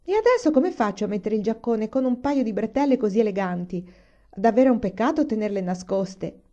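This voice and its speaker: A woman's voice: a little high, lively intonation, a little fast, warm tone, lo-fi sound, voice pushed up, close to an everyday voice. A woman voicing a cheerful, joking pioneer father in a storybook reading, speaking in a hearty, jovial way.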